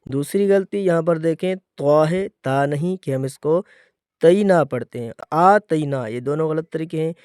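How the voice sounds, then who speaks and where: A man's voice: a little high, few pauses, dark tone, clean tone, dry recording, clean studio sound. Resonant-voiced man teaching Quran recitation. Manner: patient, repeats and demonstrates correct pronunciation. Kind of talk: explanatory tajweed lesson.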